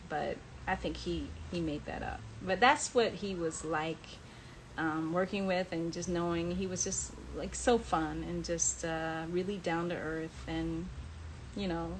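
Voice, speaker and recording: This woman's voice is fairly low and a little slow, with fairly even intonation, heard over poor audio carrying a slight hiss or hum. She's an author recalling personal memories on a live social media stream, telling an anecdote in a chatty, casual way and performing snippets of dialogue as she goes.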